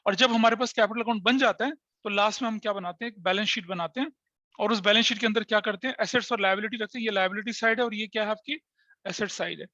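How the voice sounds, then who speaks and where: A man's voice: high voice, quick pace, pushed and bright, no echo, lo-fi sound. A man teaching a class step by step, who often asks his students questions and mixes in English terms. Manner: explains step by step with frequent checking questions to students. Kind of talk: classroom lecture.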